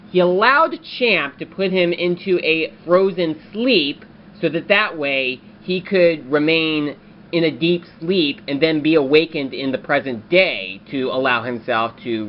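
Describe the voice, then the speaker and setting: A man talking through a toy review in a casual, rambling way, often pausing on fillers. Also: mid-range voice, dull audio, a little hiss or hum. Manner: rambling, frequent filler pauses.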